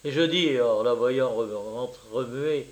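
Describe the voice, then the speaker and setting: A man narrating a classic short story in the first person, in an unhurried, wry manner. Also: medium pitch.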